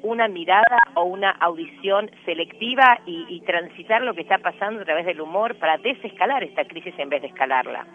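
A man's voice: sits high, lively intonation, a little fast, hardly any pauses. A man with a Rioplatense Spanish accent, giving earnest, explanatory parenting advice as a guest on a radio interview. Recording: tinny phone line.

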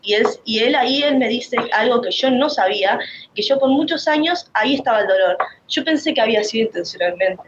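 A woman with a Rioplatense Spanish accent and a fairly high voice tells a personal faith testimony, emotional and rambling, often restarting her sentences. The recording sounds dull and lo-fi, with faint noise underneath. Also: animated, brisk. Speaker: speaker giving a testimony.

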